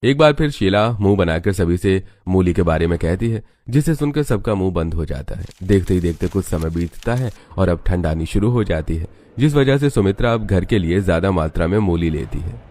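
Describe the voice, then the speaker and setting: Deep-voiced male story narrator. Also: animated, normal speed, few pauses, darkish tone.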